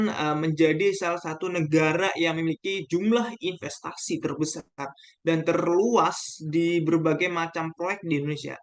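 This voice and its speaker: A young man giving a class presentation, hesitating often with fillers and restarts. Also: a little high. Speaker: student presenter.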